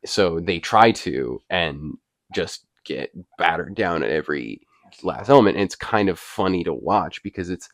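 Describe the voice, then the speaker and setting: A man's voice: deep voice, expressive, moderate pace, dry recording, studio quality. A man co-hosting a casual movie discussion, earnestly explaining his view at length. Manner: defends his view with analysis. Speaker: co-host.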